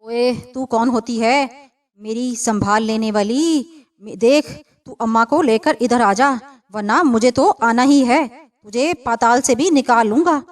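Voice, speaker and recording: A woman reads an angry young village man from a storybook, blunt and commanding. The voice stays slightly high. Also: measured pace, close to an everyday voice.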